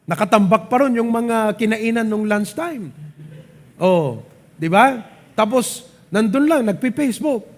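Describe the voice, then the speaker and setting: A Filipino man preaches in a high, bright voice. He talks animatedly, checking with the congregation again and again. His speech slides easily between English and his local words. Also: measured pace. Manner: animated, asks the crowd "di ba?" often; mixes English and local speech, light laughs. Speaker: pastor. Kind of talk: sermon. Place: church service.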